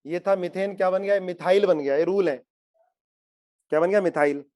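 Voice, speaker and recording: A man lectures a class on chemistry and keeps pressing his students to answer, repeating each question until they respond. His voice sits a little on the high side. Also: normal speed, darkish tone. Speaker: chemistry teacher.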